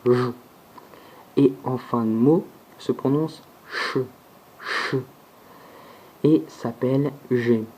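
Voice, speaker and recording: A man giving an alphabet pronunciation lesson, slow and deliberate, repeating each sound several times, recorded on a phone. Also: medium pitch, a little mellow, slight background noise, poor audio. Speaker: language teacher.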